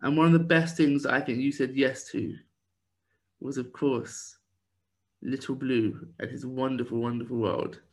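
A man's voice: mid-range voice, steady tone, unhurried. A man co-hosting a casual podcast, rambling with lots of fillers as he chats. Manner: rambling, with many fillers and restarts. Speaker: podcast co-host.

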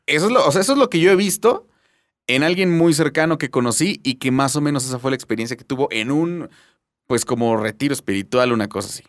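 A man's voice: medium pitch, animated, fast talker, no echo, studio quality. A man with a Mexican accent, chatting casually and joking, with a lot of fillers. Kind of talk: casual chat.

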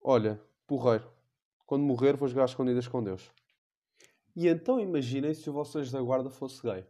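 A man's voice: medium pitch, a little fast, mellow. A young man with a European Portuguese accent, hosting a comedic podcast monologue in a rambling, slangy, crude way. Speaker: podcast host.

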